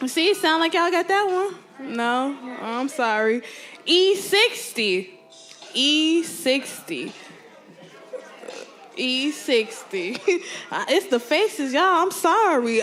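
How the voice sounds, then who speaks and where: A young woman calls bingo numbers into a handheld microphone in an indoor event hall, drawing out each call slowly and repeating it. Her voice sits high and swings widely in pitch as she laughs and teases the crowd. Faint music plays behind her. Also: a bit bright. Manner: slow, repeats every number, laughs often, jokes with the crowd. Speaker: bingo caller.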